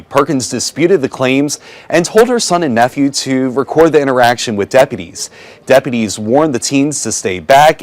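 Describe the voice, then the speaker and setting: A man's voice: mid-range voice, no room sound. An American man delivering a scripted television news report as a reporter.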